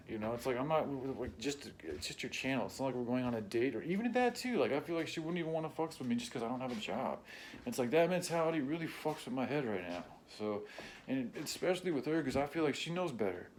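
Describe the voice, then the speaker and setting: A man in an unscripted personal rant, blunt and heavily profane, close to tears and often clearing his throat. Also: mid-range voice, animated, fast talker, a little hiss or hum. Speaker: vlogger.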